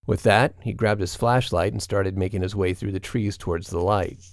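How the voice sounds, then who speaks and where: Guy narrating a spooky true story, low voice, dry close mic, slow build of suspense. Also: steady tone, vocal fry, dry recording.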